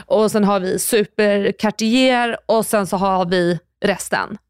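Female podcast co-host from Sweden, casual chat, dry close mic, mid pitch, lively anecdotes. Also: smooth, no room sound. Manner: animated storyteller, swears casually, acts out others' lines.

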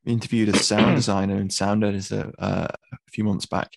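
A man hosting a podcast, speaking in a thoughtful, measured way with some hesitations. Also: on the low side, level tone, vocal fry, no room sound. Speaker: podcast host. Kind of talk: casual podcast chat.

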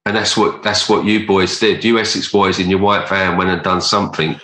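Male podcast host, forceful bright tone, earnest rambling conversational delivery, echoey room. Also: deep voice, fairly even intonation, fairly quick. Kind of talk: casual conversational interview. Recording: roomy echo.

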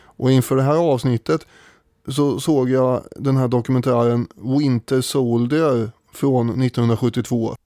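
A man's voice: mid-range voice, steady tone, mellow, no room sound, clean studio sound. A man co-hosting a casual history podcast, thoughtful and hesitant, with frequent fillers as he talks. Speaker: podcast co-host.

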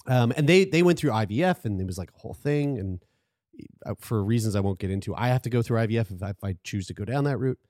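This thirty-five-year-old podcast host has a fairly low, darkish voice with lively intonation, and he talks fast. His casual chat is full of restarts and offhand swearing, captured in a dry, clean studio recording.

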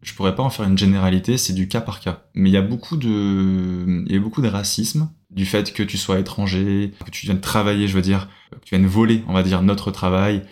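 A man's voice: sits low, steady tone, a little fast, a little mellow. A young man from France, a podcast guest chatting casually, hesitant with many fillers and restarts. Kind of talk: casual interview chat.

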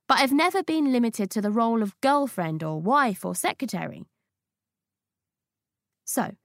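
A woman's voice: fairly high pitch, dry recording, clean studio sound. A woman reading her essay aloud for an audiobook, in a playful, witty and slangy manner.

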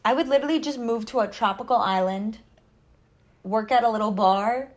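A woman's voice: on the high side, brisk. A woman co-hosting a podcast, joking and laughing in loose casual chat about a movie. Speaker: podcast co-host.

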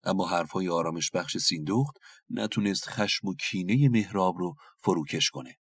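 A man narrating an epic tale in a steady, expressive reading. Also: low voice, husky, dry recording, studio quality. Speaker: storyteller.

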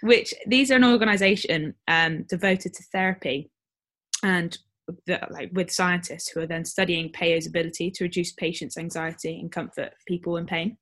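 A woman co-hosting a podcast, chatting casually with her co-host. Her voice sits on the low side, and she pads her sentences with fillers and quick laughs as she tells a story. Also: steady tone, a bit bright. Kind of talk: casual chat.

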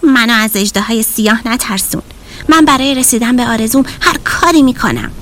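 Woman doing a high little boy, Sinasaurus. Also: a bit bright, lightly acted. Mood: defiant. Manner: high, quick and breathless, fearful then bold. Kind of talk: children's audio story.

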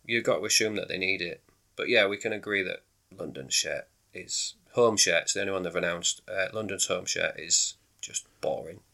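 Man co-hosting a podcast, bright forceful voice, slightly low, chatty, laughs easily. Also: moderate pace, vocal fry. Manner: chatty, laughs readily, trails off mid-sentence. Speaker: podcast co-host. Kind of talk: casual chat.

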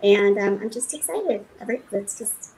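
A woman's voice: medium pitch, animated, normal speed, a little mellow, a little hiss or hum, low-quality recording. A woman from Los Angeles, a fashion designer, giving rambling interview answers full of fillers and restarts.

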